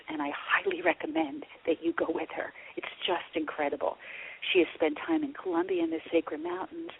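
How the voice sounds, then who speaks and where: A woman's voice: high voice, creaky. A woman hosting a podcast, introducing her guest in an effusive, gushing way and asking questions. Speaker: podcast host. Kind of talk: enthusiastic interview introduction. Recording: tinny phone-like line with faint hiss.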